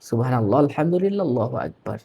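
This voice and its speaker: A man with a Bangladeshi Bengali accent giving a religious pronunciation lesson, addressing viewers formally and slowly drilling right and wrong forms of words. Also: mid-range voice, very animated, vocal fry, mellow, a little hiss or hum. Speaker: religious teacher.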